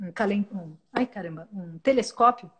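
A woman, giving a calm, earnest spiritual talk as a guest, often restarting her words mid-phrase. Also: mid-range voice, normal speed, slightly rough. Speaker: guest speaker.

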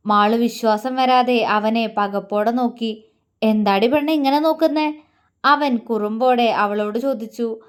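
High-voiced woman narrating a romance. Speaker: storyteller. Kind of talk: scripted romance story narration.

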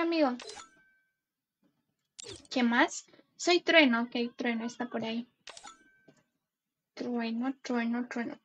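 Una mujer joven que transmite en directo un juego, charlando de forma juguetona y leyendo en voz alta los nombres de su chat. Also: female voice, sits high, fairly bright tone, slight background noise. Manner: chatty, playful, greets viewers and reads chat names aloud. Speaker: gaming live streamer. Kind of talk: casual live stream chat.

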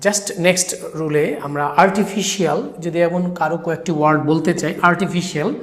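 A man with a Bangladeshi accent teaching English pronunciation in a video lesson, drilling example words slowly and repeating them for emphasis. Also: fairly high pitch, fairly even intonation. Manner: stretches and repeats example words slowly, switching between two languages. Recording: echoey room with long reverb, faint ambient noise.

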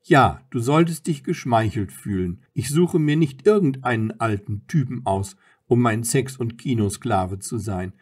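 Man doing a teasing young wife, playful and quick-witted, for an audiobook. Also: mid-range voice, lively intonation.

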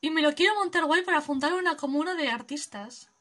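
A woman's voice: high-pitched, brisk, slight background noise, pitched above the performer's own voice. A woman putting on a dreamy hippie traveler guy. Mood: easygoing. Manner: mellow, rambling, playful. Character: laid-back hippie male traveler, dreamy and friendly.

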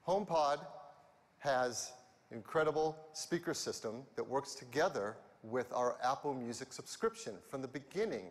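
Man, 50s, keynote presenter, enthusiastic, headset mic, long arena reverb. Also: medium pitch. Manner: enthusiastic, walks the stage gesturing. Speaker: presenter at a product launch. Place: large arena stage before a big audience.

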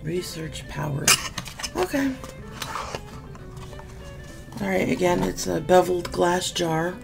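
A beauty vlogger in her thirties talks casually and candidly about beauty products on a desk webcam in a small room at home, unboxing them in a chatty, mildly sarcastic way. She's sick and losing her voice, which sits on the low side with vocal fry. She speaks at a normal speed and sounds expressive, with music playing in the background.

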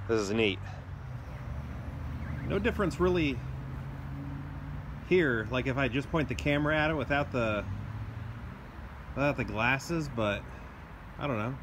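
A man in his forties vlogging casually on a phone in a backyard, musing tentatively and often trailing off mid-thought. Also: mid-range voice. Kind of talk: casual vlog narration of watching the sky. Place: outdoors in a residential backyard. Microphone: phone held at arm's length. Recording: clear outdoor ambient noise.

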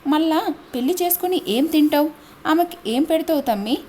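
A woman voicing a calm middle-aged husband who soothes and placates. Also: very high voice, normal speed, a little hiss or hum, pitched above the performer's own voice. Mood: placating.

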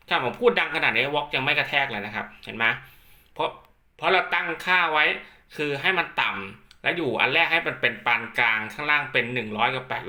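A man's voice: a little high, bright, forceful tone. A man giving a casual hands-on tutorial, explaining step by step as an instructor. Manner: repetitive polite particles, hands-on explaining. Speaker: instructor demonstrating equipment.

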